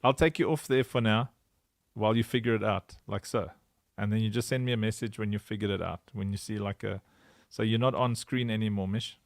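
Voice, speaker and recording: Playful man with a gravelly voice. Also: lowish voice, steady tone, brisk, no room sound, clean studio sound. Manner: playful, sing-song, laughs often. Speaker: livestream host. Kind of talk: casual livestream chat.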